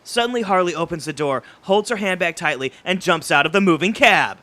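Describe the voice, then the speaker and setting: A man narrating stage directions in a live script read-through, reading briskly with small slips. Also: high-pitched, lively intonation, sharp tone.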